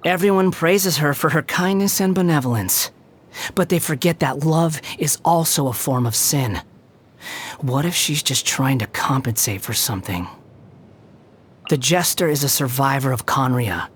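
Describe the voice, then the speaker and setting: Wanderer, a husky, haughty young puppet. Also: male voice, a little high, moderate pace. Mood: bitter, sarcastic. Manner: condescending, sharp-tongued, theatrical, dry scoffing delivery. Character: aloof, sardonic young male puppet wanderer, arrogant and bitter. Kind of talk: video game character voice lines.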